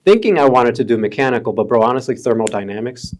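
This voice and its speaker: A man's voice: mid-range voice, animated, quick pace, a little mellow, a little hiss or hum. Laid-back man in his thirties. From Chicago area, US. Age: 30s. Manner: laid-back, calls friends bro and dude. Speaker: podcast guest. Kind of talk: casual storytelling chat.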